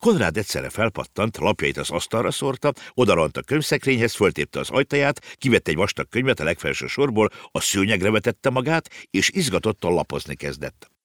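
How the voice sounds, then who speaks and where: A man narrating an audiobook with lively storytelling. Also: fairly low pitch, few pauses, dry recording, studio quality.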